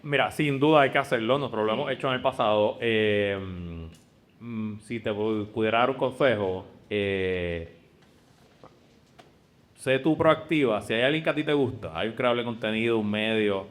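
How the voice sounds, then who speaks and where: A man's voice: lowish voice, normal speed. A man, giving frank advice in a casual panel discussion and dropping in English words. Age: 40s. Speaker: panelist, communications professional.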